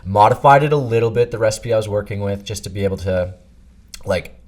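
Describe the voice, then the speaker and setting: A man's voice: lowish voice, quick pace, darkish tone. A man in his twenties co-hosting a podcast, chatting casually and rambling with lots of fillers. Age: 20s. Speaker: podcast co-host. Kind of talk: casual chat.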